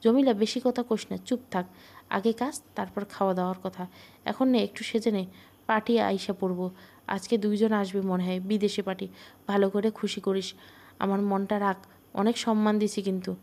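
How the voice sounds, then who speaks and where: A woman reading the lines of a stern, bullying middle-aged village man in a storybook reading, giving orders gruffly in rural dialect. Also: mid-range voice, steady tone, moderate pace, darkish tone, lightly acted. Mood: bossy.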